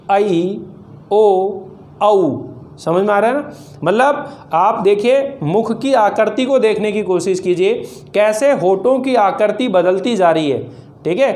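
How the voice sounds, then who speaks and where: Slow, high-voiced Hindi teacher man. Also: a little mellow. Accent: Rajasthani Hindi. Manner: patient, repeats key points as questions and answers; sounds out each vowel slowly. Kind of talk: classroom lesson to students.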